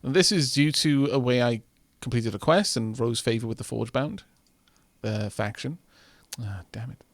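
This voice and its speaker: A man's voice: medium pitch, normal speed, dry recording. A man, streaming a game in casual commentary, reading game text aloud with wry muttered asides. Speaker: streamer playing a video game. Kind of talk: casual let's-play commentary.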